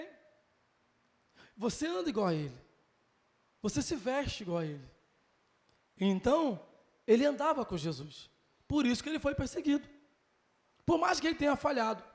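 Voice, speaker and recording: Speaking in a very high-pitched voice, this Brazilian Portuguese-accented man leads a Sunday school Bible lesson with real earnestness. He keeps circling back to key phrases and calls his listeners brother.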